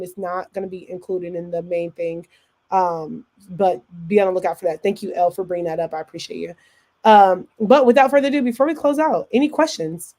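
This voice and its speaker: A woman's voice: mid-range voice, a little mellow. A woman hosting a live stream, talking casually to viewers with many fillers and self-corrections. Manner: chatty, fillers and self-corrections, reads viewer comments aloud. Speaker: host of a live business stream. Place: in or near Atlanta.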